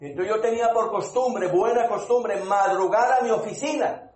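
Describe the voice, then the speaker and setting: A man preaching a testimony sermon, emphatic, slowing down to stress his points and calling out to the congregation. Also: high voice, darkish tone, echoey room, low-quality recording. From Colombia. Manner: calls out to congregation.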